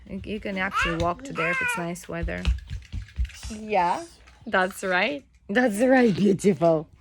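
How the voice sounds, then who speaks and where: A young mother with a first language other than English, telling a story at home in a casual vlog, halting, with fillers and restarts. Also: fairly low pitch, vocal fry, a bit bright, slight background noise. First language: not English. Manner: chatty, halting, with many fillers and restarts, breaks off to coo at her baby. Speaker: mother and vlogger.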